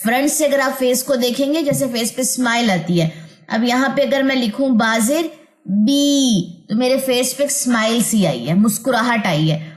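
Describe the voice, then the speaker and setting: A woman teaching an online tajweed lesson, patiently drilling sounds and checking understanding. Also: a little high.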